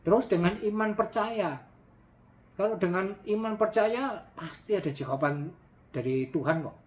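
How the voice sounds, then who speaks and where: Folksy higher-voiced male preacher. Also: a little slow. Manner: folksy, mimics loud prayers, sighing asides. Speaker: pastor. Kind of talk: conversational sermon. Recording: dull lo-fi recording.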